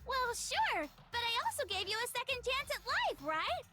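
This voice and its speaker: A woman's voice: very high-pitched, sing-song, normal speed, over loud music. A woman playing a gleefully deranged teenage girl mastermind in a video game, with a theatrical, mocking, singsong delivery. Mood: breezy, mocking. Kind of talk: English video game voice acting.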